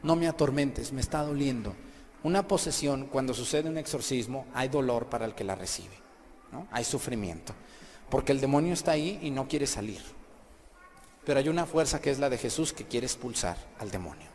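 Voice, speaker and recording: Priest preaching in an echoing church. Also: male voice, medium pitch, animated, a little fast, darkish tone, slight background noise. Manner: questioning the congregation, emphatic. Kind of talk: sermon. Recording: echoey hall, faint background ambience.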